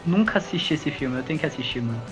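A man's voice: fairly high pitch, animated, racing, soft background music. A man, co-hosting a podcast in casual chat, laid-back and swearing often while joking. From Paraná, Brazil. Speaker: podcast co-host.

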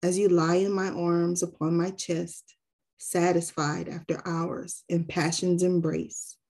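A woman co-host reads a poem aloud. Her voice is husky and breathy, and she takes it slowly and deliberately. She often laughs between lines. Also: lowish voice, dark tone. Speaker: podcast co-host. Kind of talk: casual chat and poem reading.

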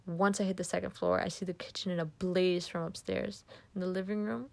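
A woman's voice: fairly low pitch, level tone, fairly quick, vocal fry, no echo. A woman reading a first-person dramatic story aloud, dropping to whispers at tense moments.

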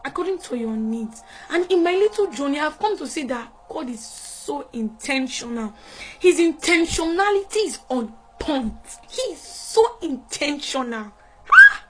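Fervent high-voiced woman preaching. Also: lively intonation, moderate pace, poor audio. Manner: fervent, repetitive, breaks into laughter and shouts. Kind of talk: sermon.

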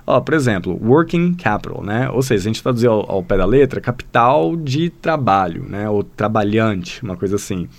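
With a lowish, sing-song voice at normal speed and hardly any pauses, a language school founder with a Brazilian Portuguese accent chats as a podcast guest. His storytelling rambles, he uses lots of fillers, and he often addresses the listener head-on in this casual conversation.

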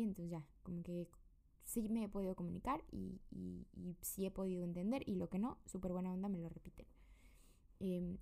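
Young Mexican woman, podcast host, rambling casual monologue, low-bright tone with a gravelly edge. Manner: chatty and rambling, many fillers. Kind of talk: casual personal update monologue. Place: her room.

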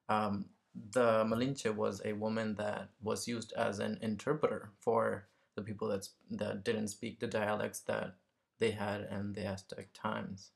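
This interview guest from Mexico has a lowish voice with noticeable vocal fry. Talking in a relaxed, thoughtful way, he hunts for words, keeps checking that the listener follows, and tags many remarks with "right?"

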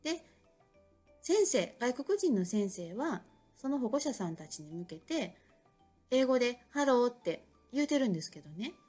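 A woman's voice: fairly high pitch, sing-song, normal speed, warm tone, breathy edge, soft background music. A middle-aged woman with an Osaka accent, an English school owner hosting a casual solo talk, chatty and reflective with many fillers. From Japan.

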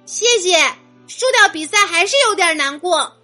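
Storyteller woman playing a cheerful little girl for a kids' story, very high, bright and sparkly. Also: moderate pace, faint music behind. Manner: bright, encouraging childlike voice. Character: cheerful young girl learning to lose gracefully.

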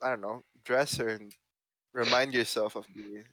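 Brief: young male co-host, ordinary pitch, jokey and teasing, dry close recording. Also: fairly even intonation, moderate pace, pushed and bright, dry recording. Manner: teasing, laughs often. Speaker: podcast co-host. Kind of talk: casual chat.

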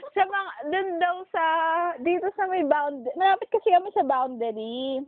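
High-voiced young woman, animated, phone audio. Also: moderate pace. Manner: animated, laughing. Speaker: podcast co-host. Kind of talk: casual chat. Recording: phone line, dry.

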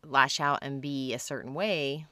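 A woman with a notably low yet bright, forceful voice talks thoughtfully on a casual podcast. She often asks questions and thinks out loud. The sound is dry and close. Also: fairly even intonation, measured pace, no echo. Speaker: podcast co-host.

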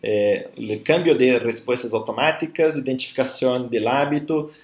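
A man teaching a group as a workshop facilitator, mixing Portuguese and Spanish within his sentences and halting as he searches for words. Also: medium pitch, a little mellow. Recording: roomy echo.

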